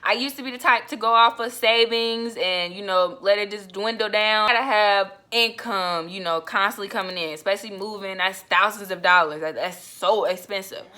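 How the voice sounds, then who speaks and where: A young woman from Florida, telling her faith story in a casual, animated vlog and talking straight to her viewers. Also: mid-range voice, moderate pace, hardly any pauses. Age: young adult. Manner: chatty, animated storytelling addressing viewers as y'all. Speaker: vlogger.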